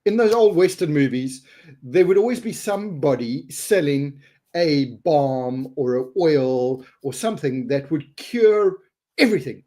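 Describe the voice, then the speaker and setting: A man's voice: on the high side, mellow. A middle-aged man hosting a casual live webinar, joking and laughing, sometimes stumbling over repeated words. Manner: jokey, laughing, repeats words when flustered. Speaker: host.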